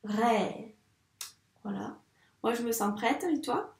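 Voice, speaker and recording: A primary school teacher's fairly high, lively voice echoes through the room as she guides young children's handwriting, slow and encouraging. She addresses the child directly and is slightly distant from the mic.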